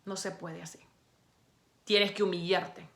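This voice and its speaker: A woman preacher delivering a sermon. She speaks straight to the listener, exhorting and scolding. She swings from quiet, low stretches to loud, raised passages. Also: steady tone, a little slow, gravelly. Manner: emphatic, exhorting the listener directly.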